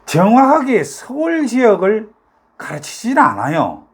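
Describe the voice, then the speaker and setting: This YouTube talk host is an older South Korean man from North Gyeongsang whose high, breathy-edged voice swoops wildly in pitch at a slightly slow pace. In his Gyeongsang accent he rambles casually to viewers, full of fillers and rhetorical questions.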